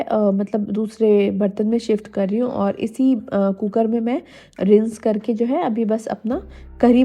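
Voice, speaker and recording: A young homemaker vlogger from India chats directly to viewers in a casual voice-over for her cooking vlog, recorded separately from the kitchen shown. Her fairly high, warm voice is slightly hoarse from a cold, and faint music plays in the background.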